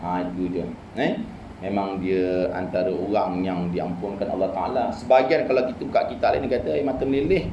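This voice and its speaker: A man's voice: sits low, a little fast, dark tone, echoey room, highs cut off, a little hiss or hum. A male religious teacher with a Malaysian Malay accent giving a study-circle lecture in a mosque. He teaches in a conversational way, with many "ha" and "eh" asides. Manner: conversational teaching with frequent "ha" and "eh" interjections. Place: mosque prayer hall.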